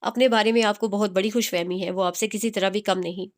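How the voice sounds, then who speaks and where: A woman's voice: mid-range voice, fairly even intonation, fairly quick, natural voice. A woman voicing a defiant young heroine who mocks the man courting her. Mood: taunting. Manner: taunting, sharp.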